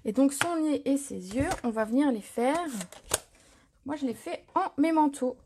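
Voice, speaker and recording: A woman hosting a live craft tutorial, chatting casually, answering viewer comments and filling pauses with little words as she works. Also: high voice, expressive, background noise. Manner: chatty, reads viewer comments aloud, frequent fillers. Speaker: crafting demonstrator. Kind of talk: live stream tutorial chat.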